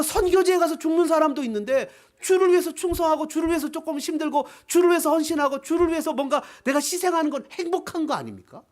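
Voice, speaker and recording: Animated male pastor preaching. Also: very high voice. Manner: animated, acts out voices. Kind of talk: sermon. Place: church.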